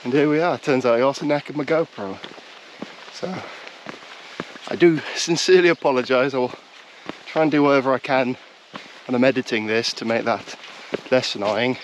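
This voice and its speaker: A man's voice: mid-range voice, moderate pace, a little hiss or hum. A man in his thirties with a congested, bunged-up voice, chatting casually and self-deprecatingly to an action camera while out on a countryside walk. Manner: self-deprecating, rambling with restarts. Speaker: walking vlogger.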